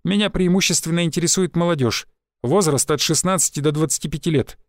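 A man voicing a calm, menacing stranger who speaks in a dry, level way. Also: a little high, quick pace, dry recording, close to an everyday voice. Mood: cold calm. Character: calm, menacing male stranger, cold and unhurried.

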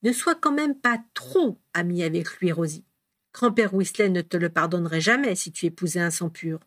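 A woman voicing a grown man, a joking father who teases in a low murmur, in a dry close recording. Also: expressive, normal speed, a bit bright, no room sound. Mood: teasing. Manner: low and mumbling, teasing.

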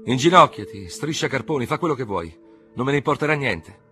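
A man's voice: mid-range voice, lively intonation, fairly quick, pushed and bright, soft background music, pitched above the performer's own voice. A man voicing a contemptuous male defendant in an audiobook, scornful and dismissive. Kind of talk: audiobook character voice.

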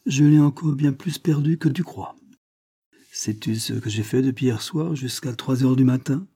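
A coolly ironic amateur detective answers in a dry, calm voice, as a man reads him. The tone is very dark and mellow. It is a storybook reading. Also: mid-range voice, moderate pace, breathy edge. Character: Toto Fouinard, cool ironic male amateur detective.

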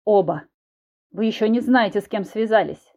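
A woman voicing a furious, blustering husband who shouts threats. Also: medium pitch, normal speed, natural voice. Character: enraged blustering husband, middle-aged man.

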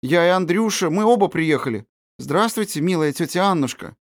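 Timid, earnest little girl, high and soft-spoken , read by a male narrator; close, dry sound. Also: expressive, a little fast, no room sound. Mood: pleading. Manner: timid and pleading.

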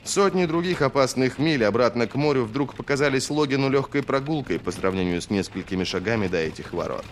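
A man narrating a fantasy novel as an audiobook in a steady, expressive reading. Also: medium pitch, a little fast, hardly any pauses, a little hiss or hum.

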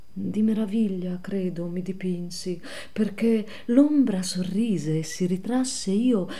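A middle-aged woman giving a live dramatic poetry recitation, theatrical, swinging from whispers to loud declaiming. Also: on the low side. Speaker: reader.

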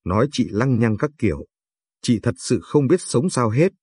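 A man's voice: mid-range voice, animated, normal speed, slightly rough, dry recording. A man reading as a meek pregnant young wife. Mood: resigned. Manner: soft, resigned reassurance.

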